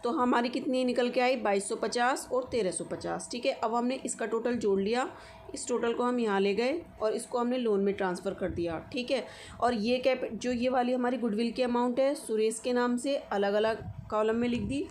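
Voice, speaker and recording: Her voice is a little high and darkish, moving at a moderate pace over slight hiss or hum. This commerce teacher breaks an accounting lesson into single steps, pausing often to check in with the class.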